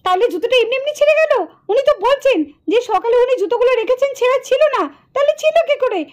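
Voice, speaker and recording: Puppet show: woman as an exasperated scolding mother, high and quick. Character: scolding mother of two young girls.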